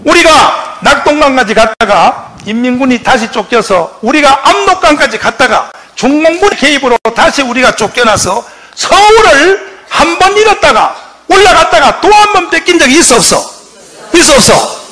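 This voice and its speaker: A man, a pastor giving an impassioned public lecture, who shouts often and fires rhetorical questions at his audience. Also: very high voice, sing-song, moderate pace.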